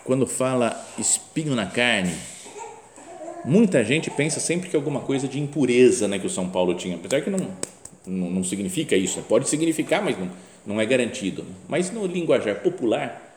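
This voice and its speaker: A man's voice: medium pitch, lively intonation, fairly quick, slight background noise. A man with a Brazilian Portuguese accent, a priest preaching a sermon in a conversational way, acting out quoted voices and often adding tag questions. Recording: echoey room with faint ambience.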